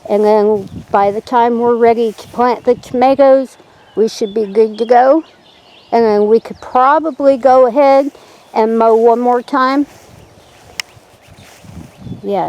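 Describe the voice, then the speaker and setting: Woman host, slow homespun chat, slightly high voice, outdoor garden walk-through with light wind. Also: dark tone, poor audio. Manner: chatty, homespun, says "yeah" a lot. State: a little out of breath. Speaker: channel host. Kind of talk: casual garden tour. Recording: faint outdoor noise and wind.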